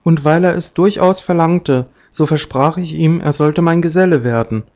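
A man's voice: a little high, normal speed, darkish tone, pitched above the performer's own voice, close to an everyday voice. Storybook princess, young and whiny, a man voices her in a raised voice, muffled audio. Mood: pleading. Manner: whiny, pleading. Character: spoiled, fretful young princess.

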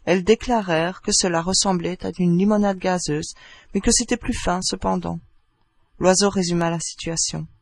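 A male audiobook narrator with a husky, high voice reads a literary work in a measured, expressive storytelling manner. There is no room sound.

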